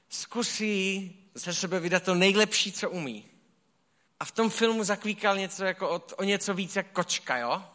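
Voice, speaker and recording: A man delivers a sermon as a relaxed, colloquial storyteller, keeping his telling animated. His voice sits a little high, with a bright, forceful edge. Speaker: preacher.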